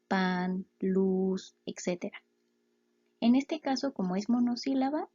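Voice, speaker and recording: A woman teaching a lesson, explaining step by step and sounding out words slowly, syllable by syllable. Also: medium pitch, mellow, muffled recording. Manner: slow, clear syllable-by-syllable explanations.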